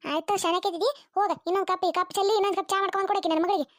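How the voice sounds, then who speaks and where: A woman's voice: very high-pitched, steady tone, rapid-fire, no echo, clean studio sound. A woman with a North Karnataka accent voicing a scheming, bossy older mother-in-law in a cartoon, scolding and suspicious. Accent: North Karnataka Kannada.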